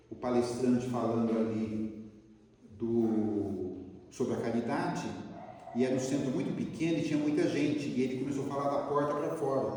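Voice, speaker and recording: A man's voice: medium pitch, far from the mic, slight background noise. A man with a Brazilian Portuguese accent giving a spiritist lecture, telling stories and asking the audience questions. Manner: lively storyteller, asks the audience questions. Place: lecture hall. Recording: echoey hall, voice from afar.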